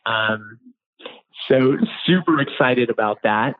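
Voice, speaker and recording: A man's voice: mid-range voice, slow. An American man, a voice actor, giving an upbeat, friendly phone interview with eager energy. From United States. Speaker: voice actor guest. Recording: tinny phone line.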